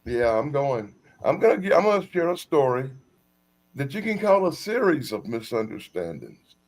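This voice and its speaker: A man's voice: medium pitch, sing-song, normal speed. A middle-aged man from South Carolina, telling a long personal story on a video call in a casual, rambling, self-deprecating way. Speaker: storytelling guest. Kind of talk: casual chat. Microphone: video call, camera off.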